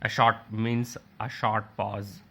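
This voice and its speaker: Slow, bright-voiced male lecturer. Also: lowish voice, level tone, vocal fry. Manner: slow, explains by restating and rephrasing; talks through examples shown on a slide. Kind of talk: recorded literature lecture.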